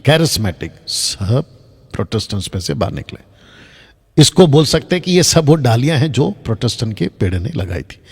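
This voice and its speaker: A man's voice: mid-range voice, a little mellow, breathy edge, in a large hall. A man teaching Bible lessons over slides, emphatic, repeating his points and asking rhetorical questions. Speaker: Bible teacher on a video channel.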